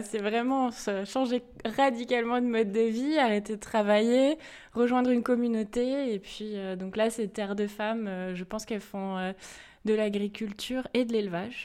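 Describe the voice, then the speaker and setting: A woman's voice: mid-range voice, smooth. A woman hosting a podcast discussion who talks in a chatty, informal way. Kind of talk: casual discussion.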